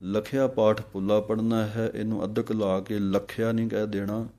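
A man with a lowish, warm voice and flat delivery teaches scripture pronunciation in a santhya lesson. He recites each line slowly, then explains how every letter and vowel sign should sound.

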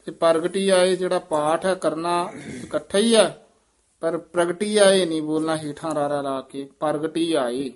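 A man, teaching scripture recitation. He reads each verse slowly, then quickly and quietly explains stresses and pauses. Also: a little high. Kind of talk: slow recitation lesson with pronunciation notes.

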